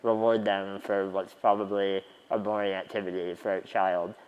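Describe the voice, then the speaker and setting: A man's voice: deep voice, little pitch movement, normal speed, darkish tone, smooth, big-room sound, lo-fi sound. Wry young man giving a keynote. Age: 20s. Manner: wry, self-deprecating humor. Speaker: keynote speaker. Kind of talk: conference keynote storytelling. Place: conference stage.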